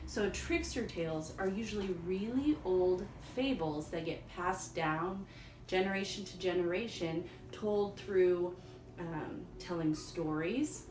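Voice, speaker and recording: Slow-paced woman teacher reading aloud, echoey room. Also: fairly low pitch, darkish tone. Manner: simple, deliberate phrasing for children. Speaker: elementary school teacher. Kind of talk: storybook read-aloud for young children. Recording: echoey room, distant mic, faint noise.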